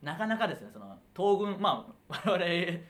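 A man hosting a casual comedy radio chat with his duo partner, chatty and animated, laughing often. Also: high-pitched, normal speed. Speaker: radio show host, comedian.

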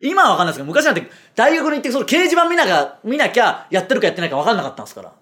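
Man, radio host, wildly lively pitch, joking rants, casual chat. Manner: quick, animated retorts and laughing rants.

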